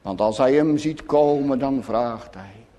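A man preaching a sermon to his congregation, solemn and emphatic, often dropping to hushed tones. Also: medium pitch, measured pace. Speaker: pastor. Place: church. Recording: long church reverb.

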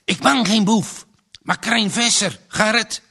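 A man's voice: high voice, very animated, normal speed, vocal fry, a bit bright, pitched above the performer's own voice, exaggerated voice. A man reading aloud and voicing a determined villager who urgently raises the alarm at night.

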